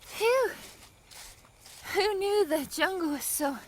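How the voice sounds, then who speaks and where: A woman's voice: very high-pitched, expressive, slow pace, a little hiss or hum, heavily acted. A woman voicing a practical, bossy young girl who reassures her friends matter-of-factly.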